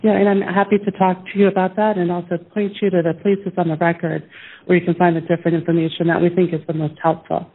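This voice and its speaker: A woman's voice: fairly low pitch, level tone, quick pace, slightly rough. A woman speaking as a plaintiff's attorney, making a conversational legal argument in court. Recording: thin phone-like courtroom audio.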